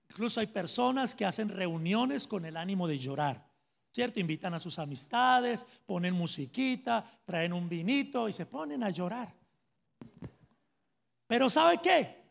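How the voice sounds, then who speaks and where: A man's voice: sits high, gravelly, in a large hall. A man preaching a sermon as pastor, putting questions to the congregation.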